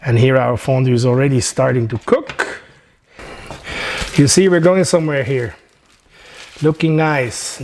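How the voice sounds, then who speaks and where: A man's voice: a little high, slight background noise. Chatty Swiss-accented man cooking at home. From Switzerland. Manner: chatty, joking, relaxed instructions. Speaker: chef. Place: home kitchen.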